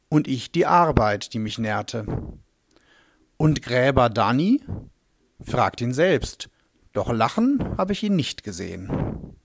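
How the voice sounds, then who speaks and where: A man's voice: medium pitch, heavily acted. A man playing a humble swineherd storyteller. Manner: reflective, vivid, expressive. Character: humble male swineherd recalling a strange day. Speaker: first-person narrator. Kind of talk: dramatic storytelling monologue.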